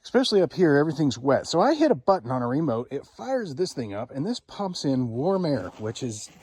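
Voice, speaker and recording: A man's voice: fairly high pitch, big pitch swings, fairly quick, darkish tone, breathy edge, no room sound. A man giving an upbeat, chatty tour of his wall tent and snowy camp in casual vlog style, recorded outdoors and inside the tent on a camera mic. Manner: upbeat, chatty, shows things as he talks. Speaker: vlogger.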